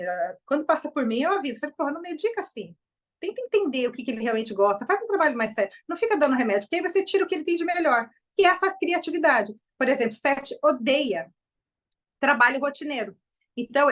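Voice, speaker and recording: A middle-aged woman with a Brazilian Portuguese accent giving an informal, animated lecture to a group. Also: fairly high pitch. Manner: lively, animated, acts out quoted voices. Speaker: enneagram presenter.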